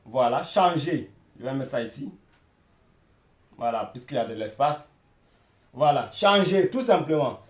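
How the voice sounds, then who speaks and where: A man teaching a beginner Arabic lesson who repeats each word slowly and keeps saying "voilà". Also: mid-range voice, lively intonation, echoey room. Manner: repeats words slowly, many "voilà" fillers.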